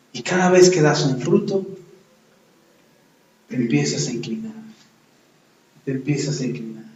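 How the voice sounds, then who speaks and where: A man preaching a lively sermon as a pastor, acting out the voices he quotes. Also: medium pitch, roomy sound, dull audio, a little hiss or hum. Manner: animated, acts out quoted voices.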